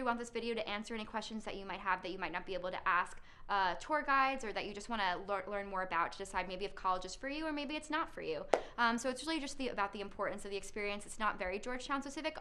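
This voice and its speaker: A woman's voice: medium pitch, bright, forceful tone. A young woman in college opening and moderating a student panel in an eager, friendly way. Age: young adult. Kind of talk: upbeat panel introduction.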